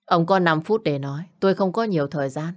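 A woman's voice: on the low side, fast, lightly acted. A woman voicing a cold, controlled young man who speaks curtly. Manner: curt, controlled. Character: cold, powerful young man, grieving widower.

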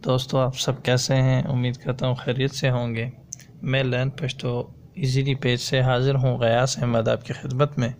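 A man teaching a language lesson, slowly repeating each word and phrase as he drills it. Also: medium pitch, monotone, a little mellow, a little hiss or hum. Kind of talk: slow, repetitive language lesson. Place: voice-over on a slide video.

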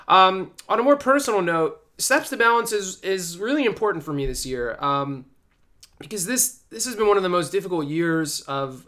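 Vlogger, male, 30s, earnest personal appeal to camera, bright, forward tone, halting with fillers. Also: sits high. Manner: sincere, with frequent fillers and repeated words. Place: small plain room indoors.

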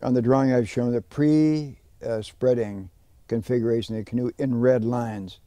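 A man's voice: medium pitch, steady tone, normal speed, mellow, no echo. An older man, a canoe carver, explaining his methods in plain, practical talk with some fillers, outdoors at a work site. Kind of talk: hands-on demonstration.

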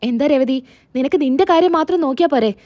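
Angry young man, scolding, high dry voice, read by a woman. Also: fast talker, a little mellow, no echo, close to an everyday voice.

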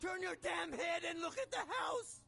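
A shrill little pop-up creature, whines and nags without letup, loud and abrasive as a game character. His voice sits up in a piercing squeak. He keeps badgering, often breaking into a yell. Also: expressive, moderate pace, vocal fry, faint music behind, full character voice. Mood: whiny. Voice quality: high squeaky whiny voice. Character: whiny pushy male pop-up creature, rule-obsessed nag.

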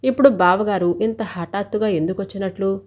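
A woman reading a scripted first-person story in a steady, even storytelling delivery. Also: mid-range voice, fairly quick.

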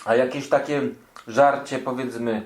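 A man's voice: mid-range voice, fairly even intonation, unhurried. A man casually interviewing his grandmother, asking informal, inquisitive questions with a teasing streak.

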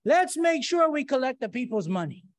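Standing at a church lectern, a middle-aged man teaches Bible study in a very high, very animated voice at a moderate pace. The session plays like a classroom sermon with fill-in-the-blank slides, and he keeps it conversational with frequent "right?" check-ins and rhetorical questions.

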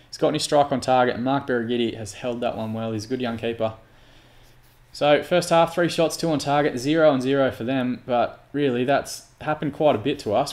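A man's voice: mid-range voice, a little mellow. Male gamer, casual commentary over a football sim, swears and vents often. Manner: frustrated, sweary, exasperated outbursts. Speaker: gaming YouTuber. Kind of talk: football manager game commentary.

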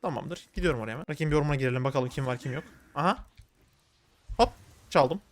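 A man giving live commentary on his own gameplay, talking to viewers in an excitable, slangy way. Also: on the high side, fast talker, faint music behind. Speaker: gaming streamer.

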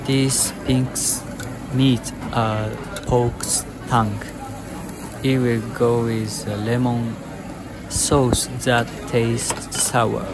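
A young man vlogging in a restaurant, explaining the dishes in slow, simple, short sentences. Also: medium pitch, flat delivery, very noisy. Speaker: food vlogger. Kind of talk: narrating a restaurant meal. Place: yakiniku restaurant, indoors.

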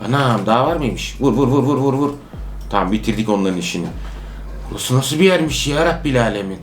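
Man gaming, excitable, repeats words in bursts, animated pitch, roomy echo, faint game music. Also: a little fast. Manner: joking, role-plays a worried father. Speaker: gamer playing a horror obstacle game. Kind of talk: excited let's-play commentary.

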